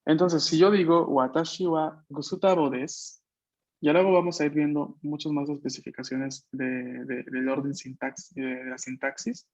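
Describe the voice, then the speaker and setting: A man's voice: fairly high pitch, fairly even intonation, normal speed, darkish tone, highs cut off. A man teaching a Japanese class online, explaining patiently and checking that his students follow. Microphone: video call.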